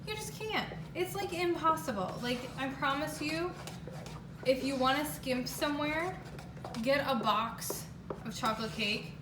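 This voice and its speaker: In a kitchen, a home baking show host gives a casual, chatty cooking demonstration, speaking emphatically with lots of exclamations. Her voice sits high and is unhurried, picked up by a roomy, distant mic with clear background noise.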